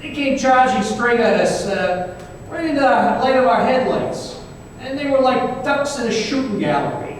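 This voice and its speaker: In a staged old-time radio drama performed live, a male actor plays a wisecracking detective telling of a supernatural gunfight, his high voice wry, conversational, animated, and a little slow. He sounds amused. The distant mic picks him up in a very echoey, reverberant hall with faint noise.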